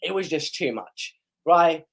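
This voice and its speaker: Speaking at a measured pace in a voice on the high side, this young host of a live football reaction stream sounds excitable yet hoarse from losing his voice. He pushes viewers to like and share.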